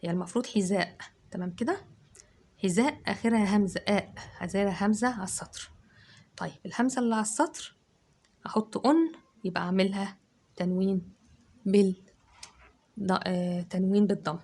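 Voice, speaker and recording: A female teacher with an Egyptian Arabic accent gives children a dictation lesson, sounding out words syllable by syllable in a loud, drawn-out way. Her husky, medium-pitched voice is brisk, broken by long pauses.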